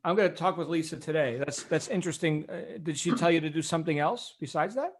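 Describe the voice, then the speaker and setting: A man's voice: a little high, fast, slightly rough. A man hosting a casual group coaching call.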